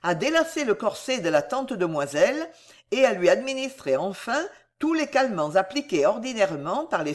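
A narrator giving an expressive, animated reading of a classic novel. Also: medium pitch. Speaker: audiobook narrator. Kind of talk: literary audiobook narration.

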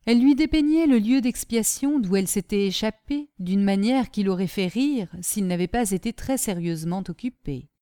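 A woman narrating a classic tale as an audiobook reader, in a measured storytelling manner. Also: mid-range voice, lively intonation, warm tone, smooth, dry recording, clean studio sound. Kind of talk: scripted narration.

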